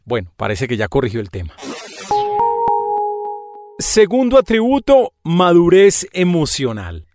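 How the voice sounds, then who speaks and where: Man with a fairly high voice. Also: huge pitch swings, a little slow, pauses often, over music. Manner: conversational, explaining with everyday examples. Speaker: podcast host. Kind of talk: podcast monologue.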